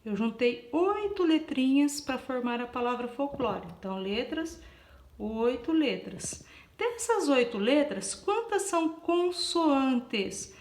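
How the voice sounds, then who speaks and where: A woman's voice: high voice, big pitch swings, takes it slowly, darkish tone. A woman teacher giving a patient classroom explanation, spelling out letters one by one, counting aloud and checking in with "tá?". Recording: echoey room.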